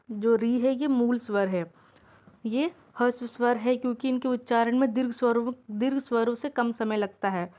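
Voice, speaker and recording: A woman teaching an exam-prep grammar lesson, explaining step by step, checking in with her students and drawing out each example sound slowly. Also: a little high, a little mellow. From India.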